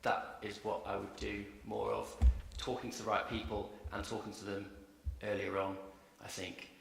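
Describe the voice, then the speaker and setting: A man's voice: on the low side, very animated, moderate pace, creaky, a bit bright, slight background noise. A male conference speaker answering audience questions in a lecture hall, hesitant, with many fillers and restarts. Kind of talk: Q&A answers after a talk.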